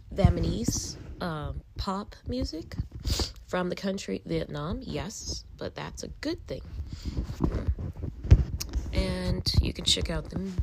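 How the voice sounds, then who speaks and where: A woman's voice: lowish voice, gravelly, heavy background noise. A woman hosting a casual podcast, reading articles aloud in a meandering, often half-whispered way and stopping to react. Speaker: podcast host.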